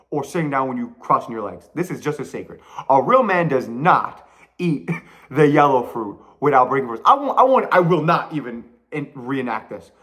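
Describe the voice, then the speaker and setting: A man's voice: medium pitch, bright, forceful tone. A young man hosting his own podcast, delivering a blunt, profane, slangy rant with emphatic repetition. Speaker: podcast host. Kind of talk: casual solo podcast rant.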